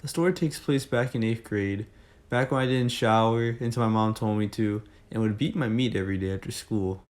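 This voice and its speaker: A man's voice: on the low side, fairly quick, background noise. A young man telling a casual, jokey story to his viewers, rambling with fillers and asides. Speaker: storytime vlogger.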